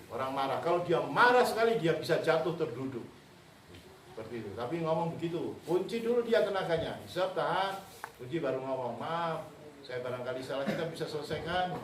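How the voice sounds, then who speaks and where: A man's voice: fairly high pitch, a little hiss or hum. A man teaching a martial arts class to students, instructive and repetitive, chuckling now and then. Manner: instructive, repeats phrases, chuckles often. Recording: echoey room, mic far off.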